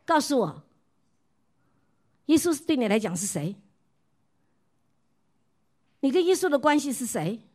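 A middle-aged woman from Taiwan, a pastor's wife preaching a sermon, who keeps asking her listeners questions and tells her own stories in a warm voice that often drops soft. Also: sits high, sing-song, measured pace, pauses often. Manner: asks the listeners repeated questions. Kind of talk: sermon with personal testimony.

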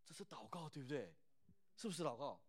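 A man's voice: medium pitch, sing-song, fairly quick, slightly rough, no room sound, studio quality. A man preaching at a youth church service, who keeps asking the listeners "right?" and retells scripture in a conversational tone. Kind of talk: sermon.

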